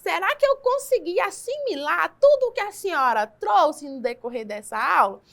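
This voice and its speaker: A woman's voice: very high voice, big pitch swings, moderate pace, pitched above the performer's own voice, full character voice. A woman with a Brazilian Portuguese accent voicing a curious young student who is overwhelmed by the lesson, asking an eager question.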